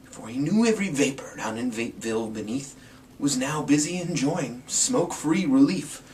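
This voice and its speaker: A man with a mid-range, slightly dark voice gives a playful, theatrical reading of a rhyming Christmas story, speaking at normal speed with plenty of expression. He's recorded from a distance in a room with a green screen, and some background noise comes through.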